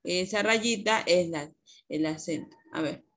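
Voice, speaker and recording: A woman's voice: on the low side, a little slow, fairly bright tone. Woman schoolteacher on a video call, patient, explains step by step, poses questions to the class and answers them herself. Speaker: primary school teacher. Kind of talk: online class lesson.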